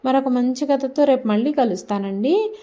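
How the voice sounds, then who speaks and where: Lady narrating a sad family story for her channel, slow dramatic delivery, bit high pitched. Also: dark tone, dull audio. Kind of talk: scripted emotional story narration.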